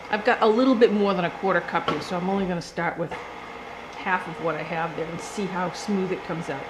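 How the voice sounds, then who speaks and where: An older woman, a home baker, talking casually and step by step through a cooking demonstration in her kitchen. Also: lowish voice. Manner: chatty, homespun, explains step by step. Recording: noisy recording with clicks.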